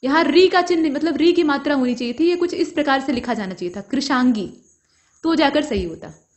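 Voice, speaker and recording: A woman's voice: high voice, animated, a little fast. A woman teaching an exam-prep grammar lesson, explaining each answer step by step and putting questions to the viewer.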